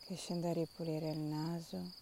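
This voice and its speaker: A woman leading a guided meditation in a soft, calm, soothing voice with long pauses between instructions. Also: low-pitched, background noise.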